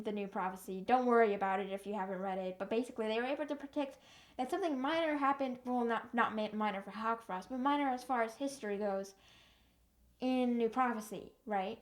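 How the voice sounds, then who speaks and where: A young woman giving a casual, rambling book review rant in an exasperated, animated way. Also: fairly high pitch.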